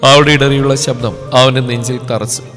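A man's voice: medium pitch, steady tone. Man narrating a dramatic romance story. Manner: emotive, dramatic reading with short pauses. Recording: long reverb over soft background music.

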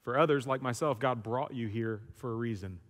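A man's voice: medium pitch, brisk. A man pastor giving an emphatic, conversational sermon in a church sanctuary. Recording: long church hall reverb.

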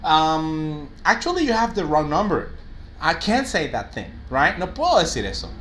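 Upbeat bilingual teacher, quick praise for students, faint noise behind. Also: male voice, on the high side. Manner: lively, mixes Spanish and English, praises students often. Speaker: English teacher for call center agents. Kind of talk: live online class, reading out student answers.

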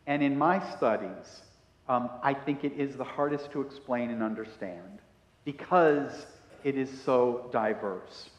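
Slow, emphatic preaching pastor in echoey hall. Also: male voice, medium pitch. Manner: slow, emphatic preaching with wide hand gestures, asks the congregation questions. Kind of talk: sermon. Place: church sanctuary in front of a brick wall. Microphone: headset mic. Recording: roomy hall echo.

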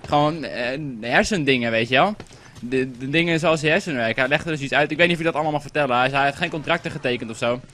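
A man's voice: medium pitch, quick pace, sharp tone, slight background noise. A young man giving casual, rambling commentary while playing a game, and swearing when it lags. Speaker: gaming commentator. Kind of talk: casual let's-play commentary.

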